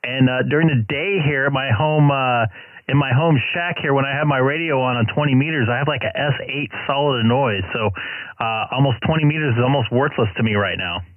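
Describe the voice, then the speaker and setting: A man's voice: medium pitch, brisk, no echo. A man running a ham radio call from his home shack, reading call signs in phonetics and chatting between contacts. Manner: steady call-sign phonetics, relaxed chat between calls. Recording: tinny narrow radio sound, dry.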